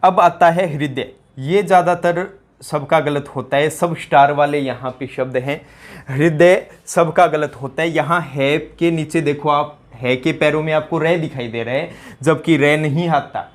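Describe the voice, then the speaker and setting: A man with a fairly high, slightly slow voice teaches a Hindi spelling lesson to exam students. He fires question after question at the class and answers each one himself, slipping in jokes in a local dialect. His manner is that of a quizmaster, leaning on repeated rhetorical questions.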